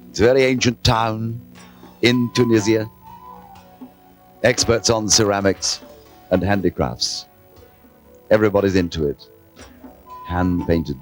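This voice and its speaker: Excitable man commentating a game show. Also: fairly low pitch. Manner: excitable, quoting verse, mock French asides. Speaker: TV sports commentator.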